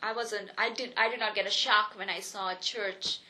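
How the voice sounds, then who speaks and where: In this oral history interview, a woman in her thirties from India who works as an economics professor reflects earnestly on her life, frequently starting her thoughts over. Her medium-pitched voice holds a steady tone at a moderate pace and sounds pushed and bright, though the audio is poor.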